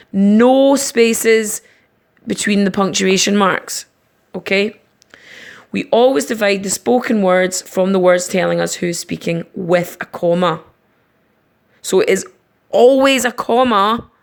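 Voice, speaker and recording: A woman teacher giving a recorded online lesson, patiently explaining each step slowly. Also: medium pitch. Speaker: primary school teacher.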